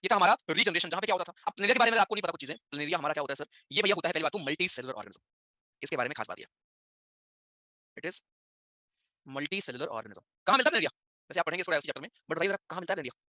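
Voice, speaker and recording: A man's voice: fairly high pitch, expressive, rapid-fire, sharp tone, no echo, clean studio sound. A man teaching an online class in a chatty, direct way, checking in with students constantly through tag questions.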